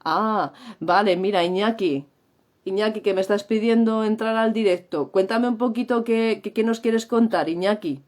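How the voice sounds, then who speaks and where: A woman's voice: mid-range voice, normal speed, darkish tone. A middle-aged woman from Spain with a Spain Spanish accent, teaching English on a livestream in a playful, theatrical way and acting out the sounds. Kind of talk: live-streamed language lesson.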